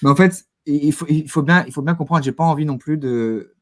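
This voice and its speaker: A man giving a casual interview as a guest, haltingly repeating words as he searches for phrasing. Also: a little high.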